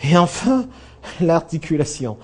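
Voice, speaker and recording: A man's voice: fairly high pitch, sing-song, a little slow, breathy edge. A man teaching a public speaking class, explaining points and often checking that the students follow. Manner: didactic, checks understanding with "d'accord" and "est-ce que c'est clair". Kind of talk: classroom coaching. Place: training room with a class.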